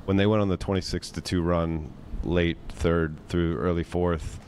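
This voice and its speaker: A male sports reporter asking measured, methodical questions at a press conference. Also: low voice, steady tone, a little mellow, a little hiss or hum.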